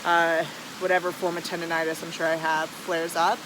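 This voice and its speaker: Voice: mid-range voice, completely flat delivery, noisy background. An American hiker recording a casual, rambling video diary outdoors beside falls, hesitating and saying "like" often. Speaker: vlogger, long-distance hiker. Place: outdoors beside rushing waterfall. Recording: loud rushing water behind voice.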